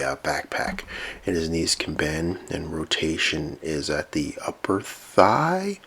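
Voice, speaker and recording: A man giving a casual toy review, rambling with fillers and relaxed asides. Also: extremely low pitch, breathy edge.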